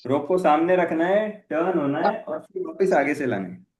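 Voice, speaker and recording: A man's voice: fairly high pitch, animated, moderate pace, darkish tone. A man coaching a live jump rope class, mixing Hindi and English and repeating short commands. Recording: echoey room.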